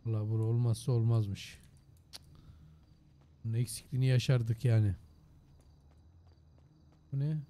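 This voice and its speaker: A man streams a game in a loud, joking, foul-mouthed way. His voice is mellow and dark, and a bit hoarse. He keeps up casual play-by-play commentary as he explores. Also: medium pitch, steady tone, unhurried, long pauses. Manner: loud, joking and heavily profane. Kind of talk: casual gaming livestream commentary.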